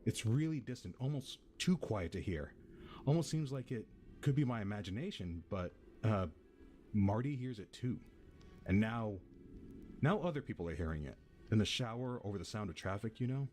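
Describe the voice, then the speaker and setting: Man playing foul-mouthed laid-back American guy, rambling slangy storytelling, animated pitch, casual drama acting, background noise. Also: moderate pace, close to an everyday voice. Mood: uneasy.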